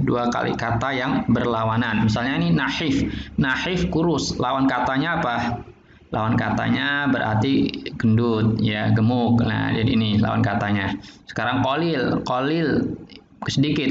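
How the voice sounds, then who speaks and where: A man teaching an online Arabic textbook lesson, explaining each term in with pauses and restarted words. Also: mid-range voice, gravelly. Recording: roomy, dull lo-fi recording with faint noise.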